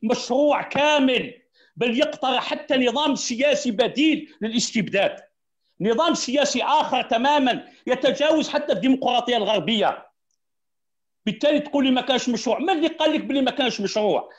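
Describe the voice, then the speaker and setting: A man's voice: very high-pitched, animated, quick pace, dull audio. A man with an Algerian Arabic accent, a panelist arguing his point in a heated debate, repeating key words and laughing between points.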